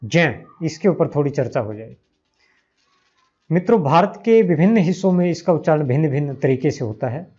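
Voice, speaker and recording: A man's voice: fairly high pitch, animated, moderate pace, dark tone, slightly rough. A man teaching Sanskrit grammar with a Hindi accent, patiently repeating each sound aloud for his learners. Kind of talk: slow spoken grammar lesson. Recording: slightly dull lo-fi recording.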